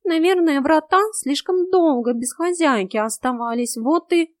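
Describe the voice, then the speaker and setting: A woman's voice: high voice, unhurried, dry recording, voice pushed up. A woman voicing a grumpy, rude male house cat who scolds and carries on theatrically in a storybook. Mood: scornful.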